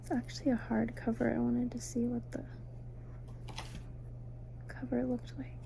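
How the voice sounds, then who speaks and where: Sleepy asmr lady whispering real soft and slow, super mellow, casual rambling, faint night ambience behind her. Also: a little high, monotone, slight background noise. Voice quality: soft, breathy, mostly whispering. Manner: sleepy, unhurried, intimate, addressing the listener. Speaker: ASMR host. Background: faint night ambience, crickets outside.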